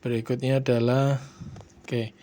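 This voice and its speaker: A man calmly walking viewers through a video editing tutorial, stopping often to check in with his audience. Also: medium pitch. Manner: unhurried, repeats "ya, teman-teman" often. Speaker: tutorial host. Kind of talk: screen-recorded software tutorial.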